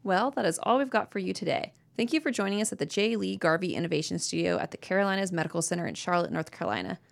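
Female podcast host, corporate training video read, brisk pace, slightly creaky voice, upbeat presenter delivery. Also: fairly low pitch, animated. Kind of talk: scripted educational narration, like a corporate training video.

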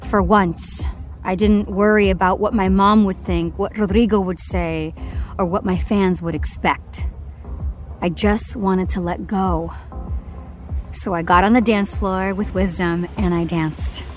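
An actress playing a young female singer in a video game, narrating her story in first person with soft emotion. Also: mid-range voice, steady tone, measured pace, soft background music, lightly acted. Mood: reflective. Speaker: narrator and lead character.

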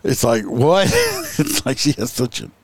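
Joking podcast host man, lively voice. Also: medium pitch, measured pace, a crowd in the background. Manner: joking, laughing, acts out quotes. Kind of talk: casual comedic chat.

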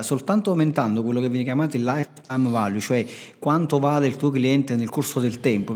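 A man's voice: medium pitch, a little mellow, breathy edge. A man hosting a podcast, explaining things conversationally to listeners and emphatically repeating his key phrases. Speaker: podcast host. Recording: long reverberant hall echo.

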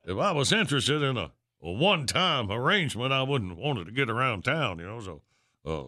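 An actor playing a dusty, lonesome old prospector in a comic radio sketch, with a folksy, halting rural Western American drawl. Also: male voice, medium pitch, sing-song, bright, forceful tone. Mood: hesitant, wary. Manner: folksy old prospector talk, hesitant stammering.

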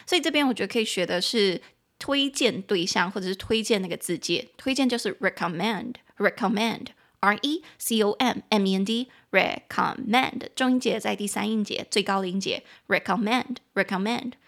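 A young woman with a Taiwanese Mandarin accent hosts a casual bilingual English lesson podcast. She chats, then slows down to spell out and repeat words. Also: mid-range voice, a bit bright. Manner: chatty, spells out words slowly and repeats them. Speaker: podcast host teaching English.

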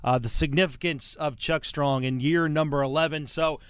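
A man hosting a casual sports podcast in a dry, close studio sound. His voice sits a little high and comes through smooth and clear. He talks in a chatty, teasing way and often restarts mid-sentence. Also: fairly even intonation, normal speed, fairly bright tone, no echo. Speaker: podcast host.

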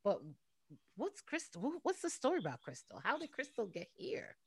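A woman's voice: high voice, wildly swooping pitch, normal speed, gravelly, husky, dry recording. A woman hosting a faith-based podcast, upbeat and welcoming, laughing often with her guest. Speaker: podcast host.

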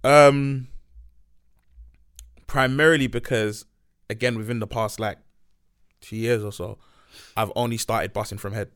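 A man's voice: mid-range voice, steady tone, unhurried, pauses often, a bit bright, clear, resonant tone. A man with a London accent talking candidly and casually on a podcast, full of slang and repeated emphasis. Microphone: podcast microphone.

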